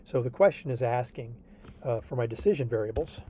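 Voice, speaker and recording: Tutoring over a video call, a man works through homework with a student, patient and reassuring, regularly asking "okay?". His mid-range voice is warm and fairly quick, with a little hiss or hum audible.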